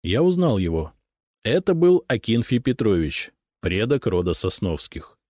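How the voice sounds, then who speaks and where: A man narrating a fantasy audiobook in the first person, with expressive, lively storytelling. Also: lowish voice, a little slow, no echo. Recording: dry close studio recording.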